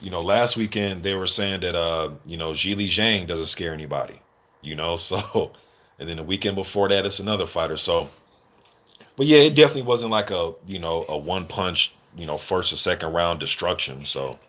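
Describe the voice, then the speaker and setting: Speaking at a normal speed, this man has a low voice that's a bit bright. He's the host and commentator of a live boxing stream, keeping the chat with viewers casual, slangy and sometimes profane.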